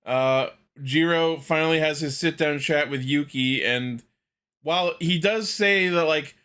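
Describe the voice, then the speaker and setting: A man with a fairly high-pitched voice that comes across bright and forceful. He talks like a fan on a podcast, recapping a show in casual, animated, profane chat. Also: a little slow, clear, resonant tone. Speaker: podcast co-host.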